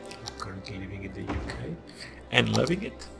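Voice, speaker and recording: A young man with a Portuguese accent, a gameplay video creator, thinks aloud and rambles casually while playing a city-building game into a desk microphone. His low voice has vocal fry, a brisk pace, and wildly swooping pitch. Loud background music plays under the commentary.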